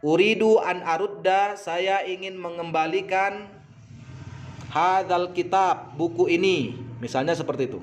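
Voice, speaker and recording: A high-pitched man with an Indonesian accent, teaching beginners a vocabulary list. He speaks slowly and patiently, saying each word, giving its meaning and repeating both. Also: slight background noise. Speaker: Arabic teacher. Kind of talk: vocabulary lesson.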